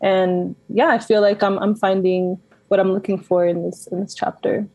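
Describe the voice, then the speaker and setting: A woman in her twenties from Denver speaks as a guest on a radio interview. Her voice is mellow and soft-spoken, with hesitant ums, and the sound is dry and close. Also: mid-range voice, flat delivery, normal speed, no echo. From Denver, USA. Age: 20s. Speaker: community organizer.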